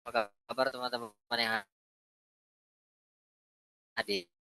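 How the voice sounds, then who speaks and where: A man's voice: mid-range voice, animated, slow pace, vocal fry, pushed and bright. Man on a choppy, breaking-up call. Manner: chatty, addresses the audience as friends. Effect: choppy, breaking-up online call audio. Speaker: trainer and webinar speaker. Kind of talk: online training talk. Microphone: video call.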